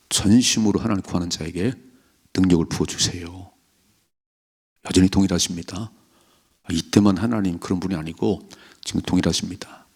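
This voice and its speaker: Male pastor, morning sermon, chatty preaching, low husky voice. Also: a little mellow. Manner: conversational preaching, acts out quoted voices. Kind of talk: early morning prayer sermon.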